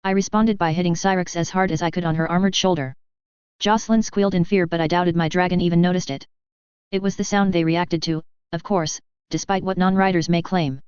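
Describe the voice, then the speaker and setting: Brief: woman narrator, steady audiobook read, lowish voice, dry close-mic sound. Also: fairly quick, clean tone, no echo. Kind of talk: first-person audiobook narration of fan fiction. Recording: dull lo-fi recording.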